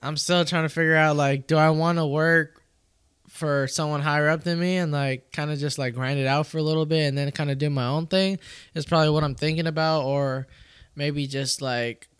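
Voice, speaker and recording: Casting: male, twenties. Clean, smooth tone, loose sweary frat-bro delivery, conversational. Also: on the high side, fairly even intonation, normal speed, fairly bright tone, no echo, clean studio sound. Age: 20s. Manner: frat-bro talk, slangy, heavy "bro" and swearing. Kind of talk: casual chat.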